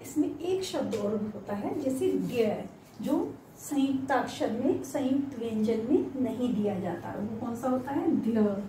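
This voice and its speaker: A woman teaching a grammar lesson, breaking words into single letters at a slow, patient pace. Her voice is mellow and a little high. She sits back from the mic in an echoey room with faint noise behind. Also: expressive, distant mic. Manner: slow, spells out each letter one by one.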